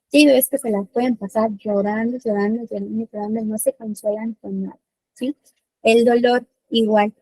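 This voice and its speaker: A woman's voice: fairly high pitch, warm tone, breathy edge, no echo, low-quality recording. A woman giving a webinar lecture on newborn care, explaining step by step and often checking in with listeners.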